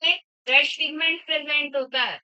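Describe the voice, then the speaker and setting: A woman's voice: high-pitched, fairly even intonation, measured pace, sharp tone, no echo. A woman biology teacher lecturing in a classroom, asking the class questions and repeating their answers back, in a dull lo-fi recording. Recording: dull lo-fi sound.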